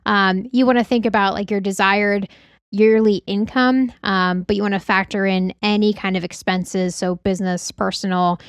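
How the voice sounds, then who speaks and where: A woman's voice: mid-range voice, steady tone, normal speed, smooth, dry recording, studio quality. A woman co-hosting a podcast, giving practical advice from her own experience in a casual, conversational style.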